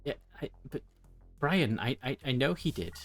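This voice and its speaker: A man's voice: medium pitch, big pitch swings, normal speed, soft background music. A man chatting casually on a live stream, rambling and laughing often.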